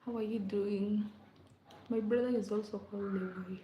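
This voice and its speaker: A young Kenyan woman chats casually with livestream viewers from a rented room at home, laughing often and repeating her words. Her mid-range voice has fairly even intonation at a moderate pace, and the laptop mic picks up an echoey room, slight background noise and dull, lo-fi sound.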